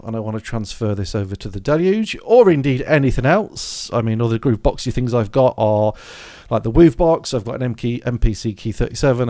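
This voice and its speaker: A man's voice: mid-range voice, a little mellow, no echo, studio quality. A man presenting a music gear tutorial in a casual, rambling way, thinking aloud as he goes. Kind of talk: casual software and hardware walkthrough. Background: scratching noise from a dog in the background.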